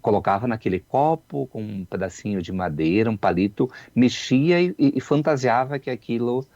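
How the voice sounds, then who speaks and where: A man's voice: mid-range voice, expressive, moderate pace, a little mellow, no echo, lo-fi sound. A man, a childhood researcher, explaining his views on a radio show, reflective and full of "né?" tags. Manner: reflective, repeats words, many "né?" tags.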